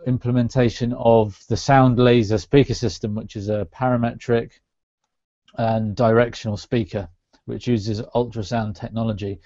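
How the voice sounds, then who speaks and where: A man co-hosting a casual podcast, presenting in a relaxed way with halting fillers. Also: mid-range voice, no echo. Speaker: podcast co-host. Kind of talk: casual chat. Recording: dull, dry lo-fi call audio.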